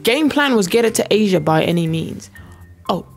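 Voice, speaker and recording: A woman's voice: medium pitch, animated, moderate pace, vocal fry, soft background music. A woman hosting her own channel, giving playful, joking commentary over basketball footage and slipping into mock slang. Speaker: host analyzing basketball footage.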